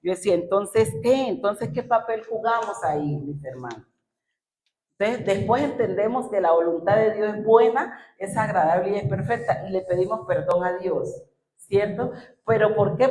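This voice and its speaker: A woman delivers an emotional sermon. Her voice sits at a middle pitch. She acts out her own past words, and her voice carries through a roomy, echoing church hall. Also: darkish tone. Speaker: preacher.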